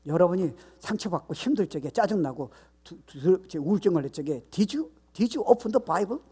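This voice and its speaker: A man preaching a Sunday sermon as pastor, mixing in English phrases and building to loud, emphatic repeated questions. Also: sits high, expressive, moderate pace, breathy edge. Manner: switches between Korean and English, rising to loud emphatic shouts.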